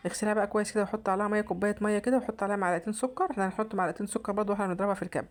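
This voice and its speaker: A woman's voice: mid-range voice, fairly even intonation, racing. A woman with an Egyptian accent, narrating her home cooking in a chatty, casual way and often restarting her sentences. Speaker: vlogger.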